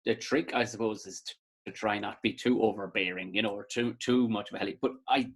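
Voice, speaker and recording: Lively Irish man, husky voice. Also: a little fast. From Ireland. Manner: animated storytelling, jumps into high-pitched mock voices. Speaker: comedian guest. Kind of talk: casual podcast chat.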